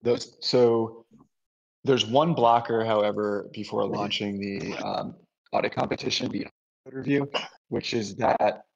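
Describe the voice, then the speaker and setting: A man's voice: fairly low pitch, steady tone, measured pace, vocal fry, highs cut off. A man giving a project update on a video call through headphones, hesitant with many ums, his audio cutting out and breaking up. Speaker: project lead presenting a proposal.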